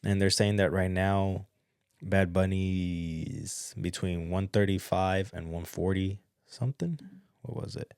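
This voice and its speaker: A man with a very low, deep voice talks casually as a podcast host, chatty and prone to repeating words in excited bursts. His voice is recorded close and dry, with no room sound at all. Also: slow, smooth, no room sound. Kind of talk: casual solo commentary.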